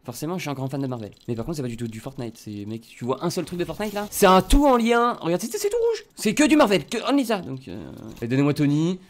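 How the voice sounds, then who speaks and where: A young man commenting on a video game, excitable and swearing, jumping from quiet mutters to shouts. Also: on the high side, quick pace, few pauses. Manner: swears casually, repeats himself. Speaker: gaming streamer.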